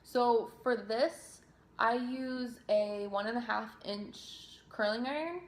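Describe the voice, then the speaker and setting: In a roomy, echoing recording, a young woman from New Jersey, a singer and vlogger, takes her time answering viewer questions. Her fairly high voice is casual and chatty, with fillers and restarts.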